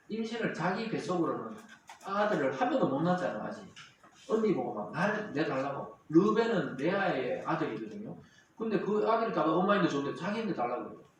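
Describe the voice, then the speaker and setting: A man preaching a sermon as pastor, animated and acting out the quarrels in character voices. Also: on the high side. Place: church sanctuary. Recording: very echoey hall, distant mic, faint noise.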